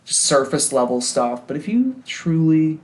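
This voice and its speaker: A man's voice: fairly high pitch, very animated, measured pace, darkish tone. A young man co-hosting a podcast, chatting casually about a movie with mock-serious, overblown praise. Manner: mock-serious, jokey overpraise. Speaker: podcast co-host. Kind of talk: casual movie-review chat.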